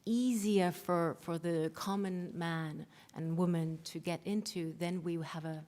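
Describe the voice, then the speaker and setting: A woman giving halting, emphatic panel remarks in front of an audience. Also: lowish voice, fairly even intonation, a little mellow. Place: large conference hall. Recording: echoey hall with long reverb.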